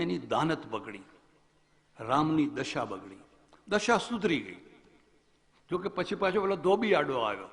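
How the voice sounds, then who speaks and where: A man's voice: on the high side, in a large hall. A man, a swami, giving a religious discourse as a storytelling preacher who asks rhetorical questions.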